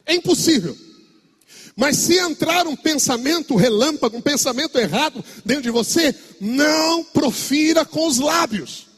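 A man preaching a sermon as pastor with a Brazilian Portuguese accent, swinging between shouts and a sing-song preaching cadence. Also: very high-pitched, expressive, moderate pace. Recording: long hall reverb.

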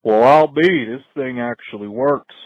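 A man leaving a joking voicemail message in a slow, folksy, teasing drawl, played back from a recording. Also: mid-range voice, dry recording, lo-fi sound.

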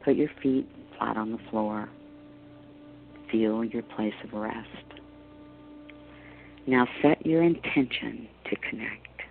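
A man leading a guided meditation as a spiritual teacher, giving slow, counted deep-breath instructions in a hushed, soothing, measured way with long pauses. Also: gravelly, a little hiss or hum. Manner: soothing, hushed, measured delivery with trailing soft phrase endings. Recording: dull lo-fi audio with soft music. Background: soft meditation music.

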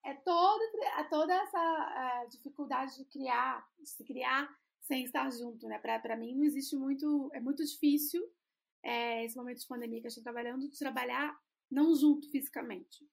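A Brazilian brand designer co-hosts a podcast in a high, creaky voice at a normal pace. Chatting casually about branding, she frequently restarts phrases while hunting for the right words.

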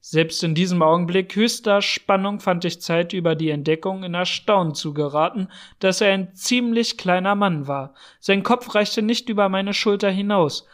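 A man reading a first-person story as an audiobook narrator in a measured, even way. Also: high voice.

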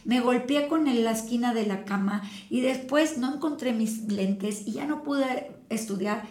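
A woman co-hosting a casual wellness chat, speaking in a calm, reflective way with everyday examples. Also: a little high, unhurried. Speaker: podcast co-host. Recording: echoey room.

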